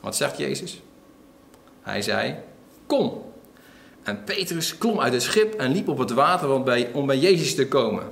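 A man preaching a sermon, retelling a story lively with acted-out quotes and frequent fillers. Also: mid-range voice, normal speed, gravelly, echoey room. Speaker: pastor.

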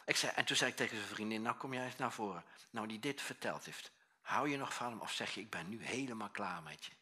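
A husky-voiced male pastor delivers a sermon, with a bright, forceful edge to his voice. He tells stories animatedly, acting out voices, dropping to near-whispers and then rising to loud, high exclamations. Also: fast. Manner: animated storytelling, acts out voices, swings from hushed to shouting.

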